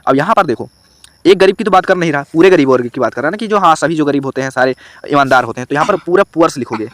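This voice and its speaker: Man with a Hindi accent, grammar teacher, explains step by step, quizzes students, slightly high voice, dry close sound. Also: expressive, rapid-fire, dry recording. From India. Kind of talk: online grammar lesson.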